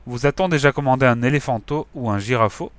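A man's voice: medium pitch, quick pace, clear, resonant tone, no room sound, natural voice. A man reading a storybook aloud, voicing a brave young boy who speaks up for his mother. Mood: curious. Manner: pleading, then shouting.

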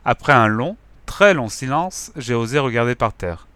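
A man narrates a children's novel with lively, expressive storytelling. His voice is bright and forward, recorded close and dry with no room around it. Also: mid-range voice, moderate pace, clean tone, no room sound. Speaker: audiobook narrator.

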